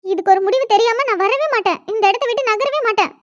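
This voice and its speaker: A shrill, indignant young cartoon woman with a very high, childlike voice, as a woman acts her out. She scolds nonstop with a sharp, complaining edge. The recording is dry and close-miked. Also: fast, no echo, lo-fi sound. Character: young woman, furious, newly forced into marriage. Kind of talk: cartoon dialogue.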